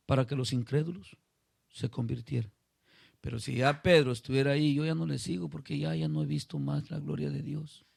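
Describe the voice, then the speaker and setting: A pastor preaching a sermon to a small congregation, calling on listeners by name and asking them questions. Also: male voice, on the high side, vocal fry, a bit bright, dry recording, clean studio sound. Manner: retells a story acting out voices.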